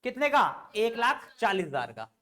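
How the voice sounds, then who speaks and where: A man's voice: high voice, wildly swooping pitch, moderate pace, pushed and bright. A male accountancy teacher giving a live classroom lecture, firing questions at his students and addressing them fondly as he works through an example. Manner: quizzes the class with constant questions, calls students "beta".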